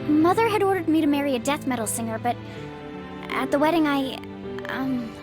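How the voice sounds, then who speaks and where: A woman plays a chatty young female android from a video game, high and girlish. She is earnest and easily flustered, stammering over a music backdrop. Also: fairly quick, lightly acted. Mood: embarrassed, hesitant. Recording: music behind the voice.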